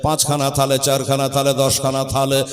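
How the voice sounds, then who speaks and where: A man's voice: mid-range voice, monotone, fairly quick, soft background music. Male preacher, West Bengal Bengali accent, melodic chant, echoey sound. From West Bengal, India. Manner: sing-song chanting, addressing the crowd. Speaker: Islamic preacher. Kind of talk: sermon storytelling.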